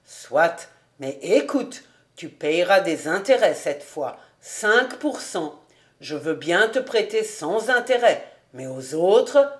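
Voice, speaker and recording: A woman's voice: lowish voice, big pitch swings, takes it slowly. A woman voicing a jovial, well-off man who teases his old friend, in an audiobook reading. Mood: firm. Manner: teasing, half-serious. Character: jovial well-off man, teasing, fond of food.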